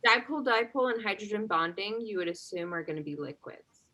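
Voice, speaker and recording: A woman's voice: mid-range voice, fast, low-quality recording. A woman chemistry instructor leading an exam review, talking casually and checking in with the class after nearly every point. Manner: checks understanding constantly with "right?"; relaxed conversational teaching, asks class questions.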